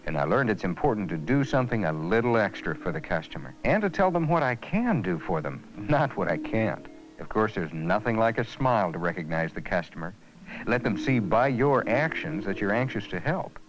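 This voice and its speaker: A man's voice: fairly low pitch, normal speed, music in the background, poor audio. A man in a 1980s educational film, talking earnestly and reflectively about what he has learned. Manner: earnest, reflective, lively intonation. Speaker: lead character in a training film.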